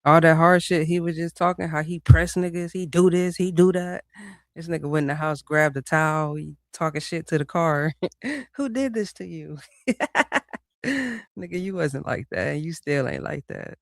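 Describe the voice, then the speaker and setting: A man's voice: a little high, steady tone, moderate pace, no room sound, clean studio sound. A man giving casual live reaction commentary, profane and mocking, often laughing at the clip.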